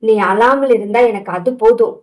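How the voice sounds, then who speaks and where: A woman's voice: on the high side, moderate pace, lightly acted, rough recording. Woman voicing a brusque young husband. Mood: soothing. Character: young man, brusque but caring husband. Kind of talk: audio novel reading.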